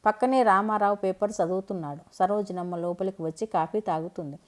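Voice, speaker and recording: A woman reading a scripted family story aloud in a calm, even way. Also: mid-range voice, brisk.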